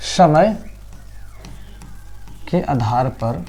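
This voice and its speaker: A man's voice: on the high side, animated, very slow, creaky, a little mellow, husky, faint music behind. A man teaching a grammar class. He repeats each point, asks his students questions and answers them himself, and sometimes chants vowel sounds aloud. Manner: repetitive drilling, rhetorical questions to students. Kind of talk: online class lecture.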